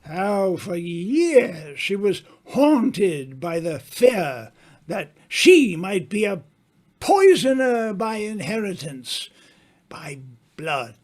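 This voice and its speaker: A man playing a worldly, self-assured older writer in an old-time radio mystery, speaking grandly with teasing, dramatic pauses. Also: sits high, big pitch swings, a little mellow, exaggerated voice. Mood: knowing, persuasive.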